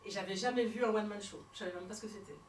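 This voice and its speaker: A woman comedian performing a one-woman stage show, telling her story theatrically and swinging between hushed and shouted lines. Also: medium pitch, steady tone, rapid-fire, slight background noise. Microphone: fixed camera from the hall. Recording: roomy hall sound from far off.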